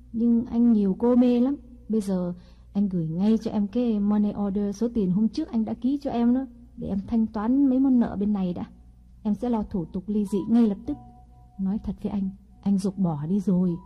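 A woman voicing a scheming young wife in an audiobook story, speaking in a sweet, deliberate way. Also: mid-range voice, breathy edge, lo-fi sound, soft background music, close to an everyday voice. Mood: coaxing. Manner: sweet-talking, slow and deliberate. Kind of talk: audiobook character reading.

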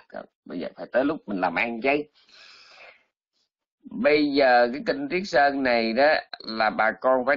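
A man's voice: mid-range voice, no room sound. A male Buddhist monk, giving a chatty, teasing dharma talk full of exclamations. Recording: slightly muffled lo-fi recording.

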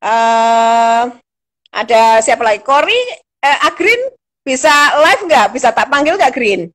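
A woman's voice: a little high, lively intonation, a little slow, a bit bright. A middle-aged woman, a lecturer hosting a casual live-stream chat, encouraging and chatty, with frequent fillers and small laughs.

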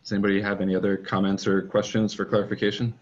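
Over muffled video call audio, a man presiding as school board president runs a formal meeting. He is procedural and measured, uses many fillers, and speaks in a lowish voice with little pitch variation.

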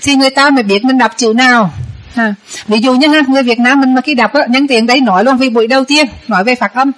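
A Buddhist nun teaching pronunciation to a class, patient and repetitive, often ending phrases with a soft "ha". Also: female voice, sits high, poor audio. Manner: patient, repeats words slowly, tags sentences with "ha". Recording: class repeating aloud in background.

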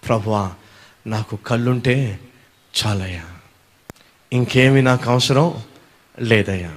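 A man voicing a humble blind man who pleads quietly for his sight. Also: expressive, fast. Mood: pleading. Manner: low, soft, pleading.

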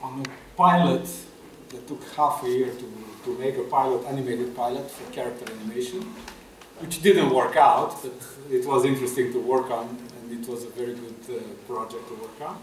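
A man's voice: mid-range voice, steady tone, normal speed, slight background noise. A middle-aged man from Romania, a guest artist, talking hesitantly with many fillers at a festival table talk. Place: room with a table, audience. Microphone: table mic on stand. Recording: echoey room, far from mic.

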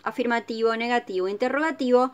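A woman's voice: on the high side, fast talker. A woman explaining an English lesson patiently, often checking in with her students. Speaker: English teacher. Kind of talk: recorded video lesson.

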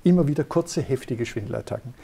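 Gravelly, husky German-speaking doctor. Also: male voice, mid-range voice, animated, warm tone. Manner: measured, patient explaining. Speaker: neurologist guest. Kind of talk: explanatory interview.

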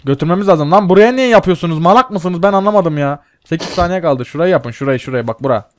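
A young man with a fairly high voice commentates a game in a casual, excitable way, often breaking into laughter and curses. His voice sits close and dry, with no room sound. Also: fast, no room sound. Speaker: gaming channel host.

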